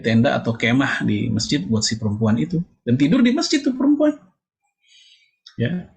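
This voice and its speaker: A middle-aged male preacher talking through a casual religious lecture. His delivery is conversational and peppered with little jokes and filler words. His pitch leaps sharply upward whenever he stresses a point. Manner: conversational, joking asides, frequent "ya" fillers; lively pitch jumps for emphasis. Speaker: Islamic preacher.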